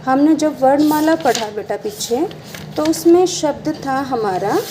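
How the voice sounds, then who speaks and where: A woman's voice: sits high, animated, measured pace, noisy background. A woman teacher, patiently explaining a lesson, often asking a question and then answering it herself. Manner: patient, calls students beta, asks and answers her own questions. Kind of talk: classroom lesson explaining exercises.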